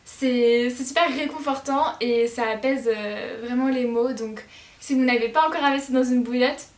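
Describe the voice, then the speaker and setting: A woman's voice: on the high side, normal speed. A teenage woman vlogging to her viewers in a chatty, reassuring way, with frequent hesitations. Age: teens. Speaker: lifestyle vlogger. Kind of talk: casual talk to camera. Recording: roomy echo.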